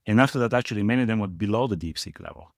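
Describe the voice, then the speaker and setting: Talking very fast in a low voice, the middle-aged portfolio manager from Bulgaria answers as a guest in a conversational interview. His Bulgarian accent comes through as he stresses points emphatically by repeating words, and the studio-quality audio has no room sound.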